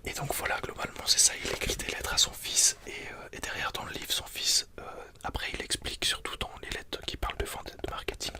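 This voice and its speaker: A person speaking in a hushed library whisper, casually explaining things in an ASMR book review. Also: a little fast, few pauses. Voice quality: soft, unvoiced whisper. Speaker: ASMR video creator.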